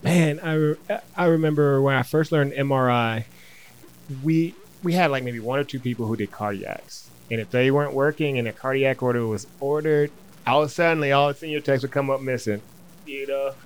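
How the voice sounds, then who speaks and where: A man's voice: mid-range voice, normal speed, clear, resonant tone, poor audio. A man co-hosting a casual conversation, agreeable, telling a story from his early work as an MRI technologist. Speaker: co-host.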